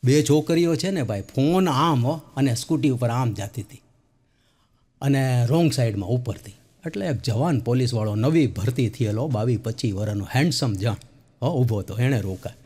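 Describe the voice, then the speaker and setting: A man telling jokes to an audience, chatty and lively. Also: mid-range voice, normal speed, breathy edge. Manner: chatty, addresses listeners as sir, acts out voices. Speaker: stand-up comedian. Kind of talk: comic joke telling.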